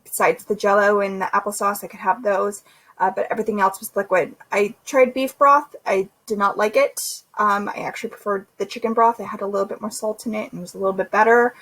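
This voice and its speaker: A young woman talks casually to her camera, filling her sentences with "um" and restarting them often. She sounds sore and a touch out of breath as she chats, her voice sitting at an ordinary middle pitch. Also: steady tone, fairly quick, a bit bright, poor audio. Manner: chatty, many fillers and restarts. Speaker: vlogger. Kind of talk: casual recovery vlog chat.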